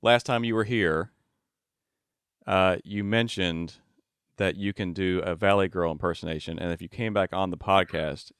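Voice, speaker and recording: A man's voice: low-pitched, steady tone, moderate pace, a bit bright, clear, resonant tone, dry recording, studio quality. A man hosting a podcast interview, friendly and teasing, laughing along with his guest. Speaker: podcast host.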